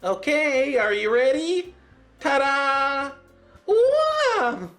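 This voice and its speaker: A man's voice: very high-pitched, wildly swooping pitch, slow, a bit bright, faint music behind, voice pushed up, heavily acted. A man doing a snappy prickly teen girl. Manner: snappy, defensive. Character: brash prickly teenage girl.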